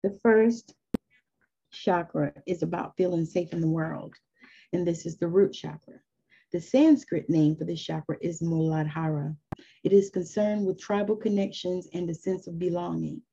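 A woman's voice: on the low side, normal speed, vocal fry, dark tone, breathy edge, muffled recording. A woman in her fifties giving an earnest, encouraging spoken lesson on spiritual growth in a loose, conversational way. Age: 50s. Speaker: spiritual teacher.

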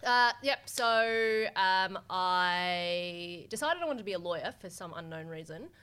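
A woman's voice: fairly low pitch, unhurried, clear, resonant tone. A young woman from Hong Kong, talking candidly and energetically about her work as a business coach in a podcast interview. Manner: energetic, candid, casual swearing.

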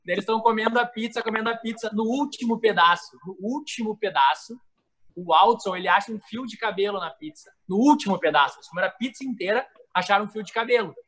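A man guest telling lively anecdotes in casual chat, repeating key phrases for effect. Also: high-pitched, quick pace, low-quality recording. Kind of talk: casual storytelling.

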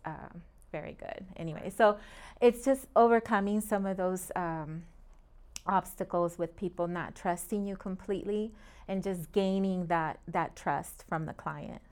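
A woman's voice: on the low side, unhurried, a little mellow, smooth. A middle-aged woman from Puerto Rico, a real estate agent guest talking earnestly and in detail in a casual interview, often laughing between points.

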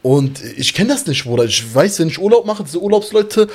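A young man guesting on a casual talk show, telling his story in slangy street talk. His voice sits high and swings widely as he laughs along at his own tale. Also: lively intonation, a little fast, darkish tone, breathy edge. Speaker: podcast guest.

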